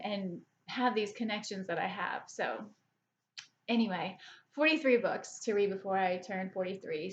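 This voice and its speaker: A woman in her forties chatting casually to camera as a book vlogger, rambling along with frequent restarts and fillers. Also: medium pitch. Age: 40s. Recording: slightly dull lo-fi audio.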